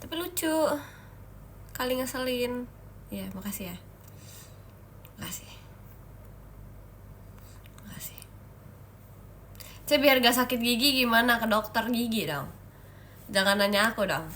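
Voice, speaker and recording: A woman's voice: on the high side, expressive, measured pace, long pauses, sharp tone, slight background noise. A young woman hosting a casual livestream chat, playful and giggly, teasing her viewers while sick with a cough and a stuffy nose. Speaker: idol livestream host.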